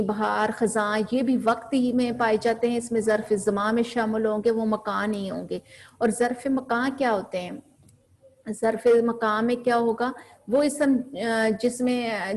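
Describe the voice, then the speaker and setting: A woman teaches a school grammar lesson in a fairly high voice. She asks a question, then answers it herself, and keeps going through lists of examples.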